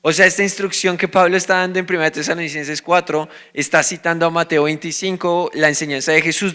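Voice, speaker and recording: A man preaching in a Colombian accent, with a crisp, bright tone pitched a little above the usual. He walks through scripture like a teacher. He keeps putting questions to his listeners and answering them himself. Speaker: pastor. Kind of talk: sermon.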